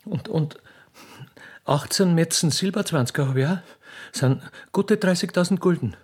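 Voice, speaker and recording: In a theatrical, comic radio-play style, a male actor portrays a mature, wealthy Viennese butcher's widow who is blunt and coquettish. His slightly high, darkish voice has a breathy edge, folksy halting phrasing, and an insistent wooing manner, sounding indignant and coaxing.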